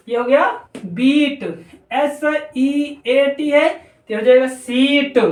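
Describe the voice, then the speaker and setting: A man teaching an English pronunciation lesson, slowly spelling out letters and repeating each word. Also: very high voice. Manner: slow, deliberate, spells out letters and repeats words. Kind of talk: spoken language lesson. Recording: roomy echo, voice distant from the mic.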